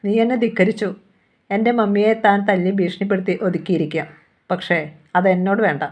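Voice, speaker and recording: A woman's voice: medium pitch, steady tone, normal speed, a little mellow, close to an everyday voice. A woman voicing a defiant, angry young heiress who accuses and demands answers.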